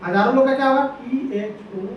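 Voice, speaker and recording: A man's voice: very high voice, brisk, highs cut off. A man teaching English grammar for exam prep, repeating key points and often checking that students follow. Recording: echoey room, distant mic, faint noise.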